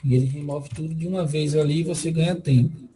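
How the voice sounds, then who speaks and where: A man walks viewers through a software lesson step by step, checking in with them often. His voice is very dark and mellow. It also sits a little high for a man. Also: steady tone, fast talker, a little hiss or hum, poor audio. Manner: explanatory, checks in often with tag questions. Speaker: software instructor. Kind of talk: screen-recorded tutorial.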